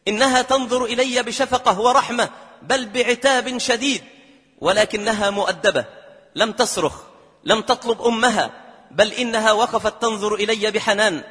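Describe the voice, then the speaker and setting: A man's voice: high voice, normal speed, sharp tone, slightly rough. A man preaching a storytelling sermon with passion, at times rising into chanted verse, in a long hall reverb. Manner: impassioned, rises into chanted verse.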